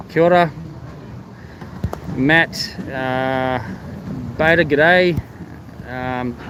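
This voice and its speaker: A man with an Australian accent, his voice muffled by a face mask, chatting casually as host of a live vlog and greeting viewers. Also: fairly high pitch. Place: outdoors at a theme park. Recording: outdoor ambient noise, vehicle sounds.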